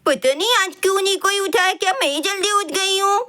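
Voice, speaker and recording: A woman doing a brisk, scolding young wife. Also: very high voice, pushed and bright. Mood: bustling. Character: busy young village wife, bustling.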